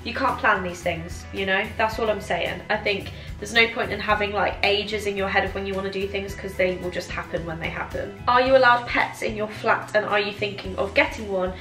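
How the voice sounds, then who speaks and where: A woman's voice: mid-range voice, fairly even intonation, fairly quick, hardly any pauses, fairly bright tone. A British woman in her twenties chatting casually in a giggly, tipsy way as she answers viewer questions. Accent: British English. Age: 20s. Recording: roomy echo, music behind.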